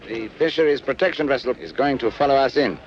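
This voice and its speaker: An actor playing a dutiful police inspector who speaks formally and politely, in 1960s film acting. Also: male voice, mid-range voice, fast, lightly acted. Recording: dull old film soundtrack, street noise.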